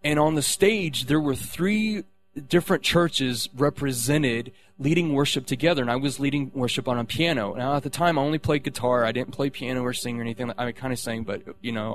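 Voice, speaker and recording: A man sharing a personal faith testimony, rambling, with many restarts and fillers. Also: mid-range voice.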